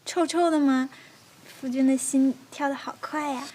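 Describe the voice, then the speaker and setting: A young actress playing a coy, clingy teenage concubine in a comedic period TV drama, talking in a sweet, wheedling way. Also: female voice, sits high, fairly even intonation, normal speed, darkish tone, natural voice. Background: background music.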